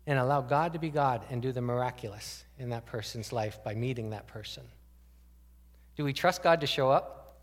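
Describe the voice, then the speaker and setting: A man's voice: mid-range voice, moderate pace, long reverb tail. A man preaching a conversational sermon as a pastor, asking the congregation many rhetorical questions. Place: church sanctuary.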